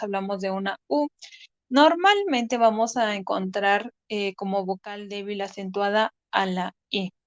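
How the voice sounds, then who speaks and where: A woman teacher with a Mexican Spanish accent gives an online class lecture, explaining patiently and pausing with frequent "eh" fillers. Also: a little high, no echo.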